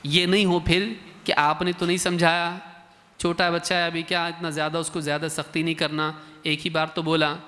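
A man giving a colloquial, lively religious workshop talk, acting out exchanges between parents and children. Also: on the high side, moderate pace. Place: large mosque hall, indoors. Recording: reverberant mosque hall.

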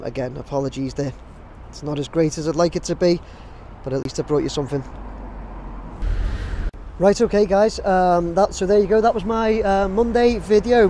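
A man in his thirties who shoots drone video chats loosely to a camera at arm's length outside, faint street sounds behind him. Though fairly high, his voice comes across mellow and dark, and his talk meanders, packed with fillers and restarted sentences.

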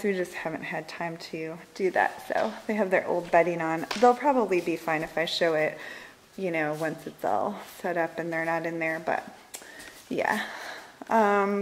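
A thirtysomething home vlogger gives a casual, upbeat tour of a large house with an open-plan living room and kitchen, filming herself off screen on a handheld camera and using many fillers. Her voice is lowish, and the audio is poor.

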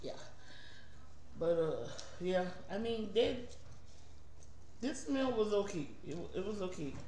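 A woman in her thirties, seated at a table at home, chatting casually as she reviews a meal for her video, with laid-back drawn-out asides. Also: medium pitch, very animated, dark tone. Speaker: mukbang co-host. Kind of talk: casual food review chat. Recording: echoey room with faint noise.

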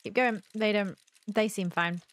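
Speaking at a measured pace with a steady tone and medium pitch, this young adult woman hosts gaming videos. Her let's-play commentary is casual, a playful, self-deprecating mutter as she thinks out loud.

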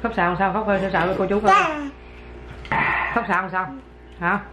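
A young mother vlogs casually to the camera at home, her mid-range voice steady and quick as she coaxes her toddler in a chatty, sing-song way. Heavy background noise surrounds her.

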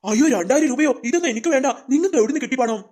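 A performer voicing a poor, gentle old man who works in a Santa costume and speaks softly and tenderly. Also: high-pitched, animated, racing, voice pushed up. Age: older.

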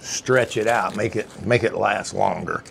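A man's voice: lowish voice, a little slow, creaky, a bit bright, slight background noise. A man, chatting casually as he reviews food in a deli, folksy and savoring each bite. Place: indoor deli dining room.

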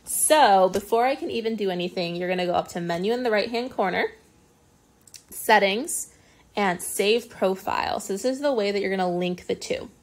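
A woman speech-language pathologist giving a casual step-by-step software tutorial, explaining as she clicks, with frequent ums. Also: mid-range voice, normal speed. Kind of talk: screen-recorded software tutorial.

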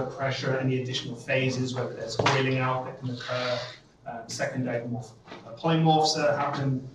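A man, an application scientist, giving a technical conference talk, steady and full of ums. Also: mid-range voice, noisy background. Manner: steady lecturing with frequent ums. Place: lecture room. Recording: echoey room from far off.

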